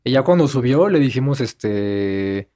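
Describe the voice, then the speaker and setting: A man's voice: mid-range voice, expressive, a little slow, dark tone. A young man with a Mexican Spanish accent telling stories in a casual chat and animatedly mimicking other people.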